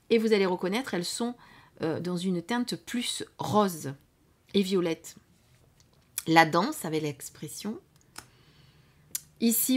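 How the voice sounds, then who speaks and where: A woman hosting a casual review of an oracle card deck, speaking softly and unhurriedly, often trailing off to near whispers, with frequent fillers. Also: mid-range voice. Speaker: card reading channel host. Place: indoors at home under studio lights.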